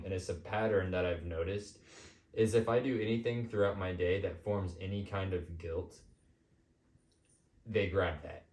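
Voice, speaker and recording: Man, deep pitch, casual podcast host, halting informal delivery, echoey room recording. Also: darkish tone. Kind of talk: casual personal talk.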